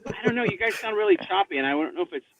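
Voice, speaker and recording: A man's voice: extremely high pitch, wildly swooping pitch, very fast, vocal fry, a bit bright. A man calling in to a casual chat, his voice coming through choppy like a mistuned ham radio. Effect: choppy mistuned ham-radio-like call audio. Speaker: remote guest calling in. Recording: choppy lo-fi call line.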